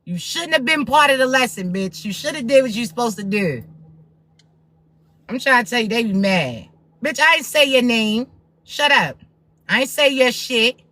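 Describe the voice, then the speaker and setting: Woman doing a live reading pep talk, cusses a lot, bright sharp voice, dry sound. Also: sits high, no room sound. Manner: blunt, profane, preachy. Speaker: spiritual reader.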